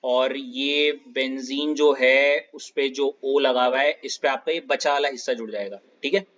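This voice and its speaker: एक आदमी, जो रसायन विज्ञान का शिक्षक है, ऑनलाइन क्लास में कदम दर कदम समझाता है और बार-बार छात्रों से पूछता है कि समझ आया या नहीं।. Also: male voice, medium pitch, steady tone, a little slow, fairly bright tone, lo-fi sound. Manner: explains step by step, checks students often. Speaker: chemistry teacher. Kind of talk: online class lecture.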